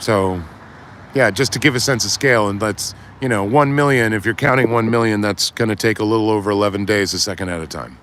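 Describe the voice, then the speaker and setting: A man chatting casually outdoors on a city street at dusk, talking in animated, rambling bursts full of restarts. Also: fairly low pitch, a little fast, slight background noise. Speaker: livestreamer. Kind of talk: casual chat. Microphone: phone camera.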